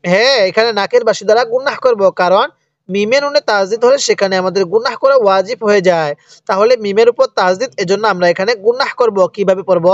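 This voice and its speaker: High-voiced male teacher spelling out syllables. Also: no echo. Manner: spells out letters and syllables, then has the listener repeat after him; stretches recited words very slowly. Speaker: Quran reading teacher. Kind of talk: slow step-by-step recitation lesson. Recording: dry, dull lo-fi sound.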